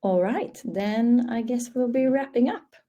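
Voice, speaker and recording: A young Swedish woman with a Swedish accent, for whom English is a second language, delivers a live online training webinar through a webcam call. Her voice is fairly high and warm, measured in pace, with the highs cut off. She reads out audience answers in a friendly, upbeat way.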